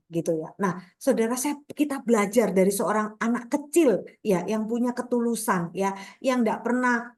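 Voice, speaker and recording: A middle-aged woman gives a morning devotional, talking in a chatty way with many fillers and tag questions to her listeners. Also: mid-range voice. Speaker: devotional speaker.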